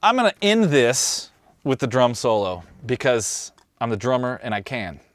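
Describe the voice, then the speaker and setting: Over loud music, a very animated man with a medium-pitched voice talks at normal speed. He is a Kansas host, mixing engineer and drummer casually explaining how he mixed a track from his recording studio control room.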